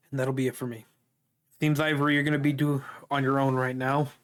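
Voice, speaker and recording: Relaxed man running a tabletop game. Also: mid-range voice, moderate pace, smooth. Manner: casual, laughs often, relaxed. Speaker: game master.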